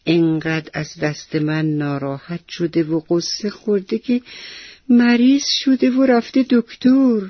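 A woman's voice: medium pitch, no room sound, highs cut off, voice pushed up, natural voice. A woman voicing a stubborn little schoolboy who grumbles and complains, in a children's storybook reading. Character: sulky little schoolboy, stubborn then sorry.

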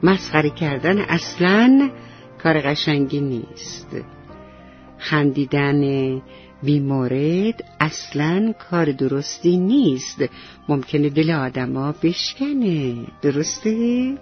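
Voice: mid-range voice, animated, highs cut off, soft background music. A storyteller telling a bedtime story to children in a tender, affectionate way.

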